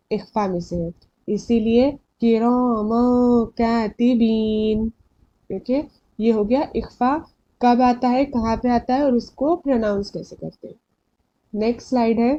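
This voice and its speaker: A woman's voice: a little high, dark tone, dull audio. A woman teaching a recitation lesson from slides, patiently repeating rules and quizzing her learners, often switching into English phrases. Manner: patient, repeats and asks questions back to learners; mixes English phrases into Hindi.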